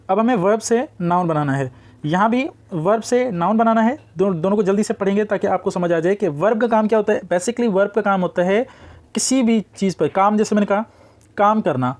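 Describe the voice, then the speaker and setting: A man teaching a grammar lesson, explaining step by step and reading out word pairs slowly. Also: high voice, a little mellow. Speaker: English teacher. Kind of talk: classroom-style grammar lesson.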